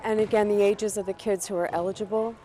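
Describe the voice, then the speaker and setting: A woman's voice: mid-range voice, steady tone, fast talker, dark tone. A woman hosting a community cable TV show who asks short, polite interview questions. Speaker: community TV host. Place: indoor futsal facility.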